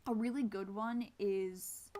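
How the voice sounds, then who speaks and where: A woman's voice: mid-range voice, fairly even intonation, slow, dark tone, soft background music. A woman flute player with missing teeth, giving an informal, hesitant and self-deprecating tutorial. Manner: casual, self-deprecating, hesitant while explaining. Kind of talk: informal instructional talk with demonstrations.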